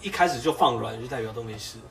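A podcast co-host with a Taiwanese Mandarin accent trades fast, teasing remarks in a lively, swooping voice. The voice sounds a little distant from the microphone. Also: medium pitch, creaky. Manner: teasing, quick banter. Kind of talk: casual chat.

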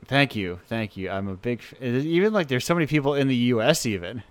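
A man's voice: medium pitch, expressive, brisk, clean tone. A man hosting a radio show, talking in an enthusiastic, rambling way with many restarts. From United States. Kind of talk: casual chat.

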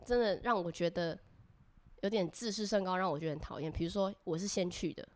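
A young woman from Taiwan with a Taiwanese Mandarin accent, chatting as a podcast guest, animated and talkative, laughing often. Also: fairly low pitch, fast. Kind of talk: casual chat.

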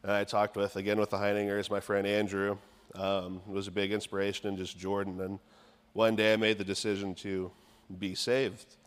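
A young man in his twenties shares his faith story at church in a deep, smooth voice. His delivery stays level and unhurried but wanders, full of ums and likes. The sound carries a long reverb from the sanctuary. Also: monotone. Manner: halting and rambling, full of fillers. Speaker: church member giving a baptism testimony. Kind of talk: personal testimony.

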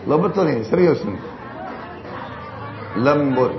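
A man's voice: a little high, animated, takes it slowly. A man preaching and answering religious questions in a jokey lecture full of rhetorical questions. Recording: dull recording, faint crowd and noise.

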